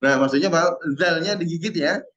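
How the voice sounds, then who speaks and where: A male teacher in an online Arabic lesson, patiently drilling verb forms and repeating each word slowly. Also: fairly high pitch, a bit bright. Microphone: video call. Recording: roomy and dull-sounding.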